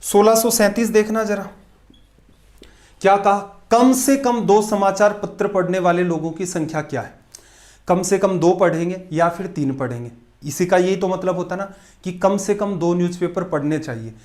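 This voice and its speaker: A man's voice: high voice, normal speed, darkish tone. A man teaching a competitive-exam math lesson, asking questions and answering them himself, with emphatic repetition.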